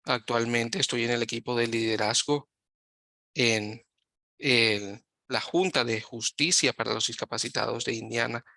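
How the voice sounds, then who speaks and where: A man giving live Spanish interpretation of a webinar over a video call, talking in halting phrases and often correcting himself mid-sentence. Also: mid-range voice, gravelly, pushed and bright, no room sound, studio quality. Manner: halting, with frequent self-corrections.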